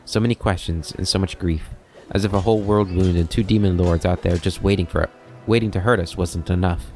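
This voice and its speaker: A man's voice: low-pitched, fairly even intonation, fairly quick, darkish tone, soft background music. A man reading the lines of a grieving woman paladin who bitterly mocks herself. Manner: bitter, self-mocking.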